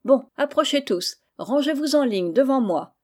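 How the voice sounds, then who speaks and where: A woman reading an audiobook voices an elderly aunt who is bossy and merry, calling out brisk commands. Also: sits high, expressive, darkish tone, pitched above the performer's own voice. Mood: bossy lively.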